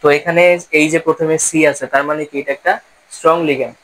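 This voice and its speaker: A man gives a chemistry lesson at a brisk, rapid clip. His voice sits a little high. He keeps asking his own questions and answering them as he works through each point. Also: steady tone, fairly bright tone, rough recording. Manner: explaining step by step, asks and answers own questions. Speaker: chemistry teacher. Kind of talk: classroom-style lesson.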